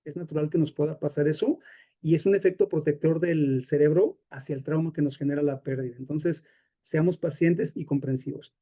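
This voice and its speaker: A man's voice: a little high, fairly even intonation, fairly quick, warm tone. A man with a Mexican accent teaching a live workshop on grief, talking in a conversational way with many fillers and personal examples. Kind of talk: live masterclass lecture.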